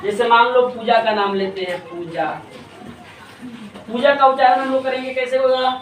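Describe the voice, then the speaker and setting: Male teacher in a roomy classroom, heard from a distance, asking questions and spelling words out slowly. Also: very high-pitched, little pitch movement. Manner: asks questions and has the class repeat. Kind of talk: classroom pronunciation drill. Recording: roomy, distant mic, faint hum.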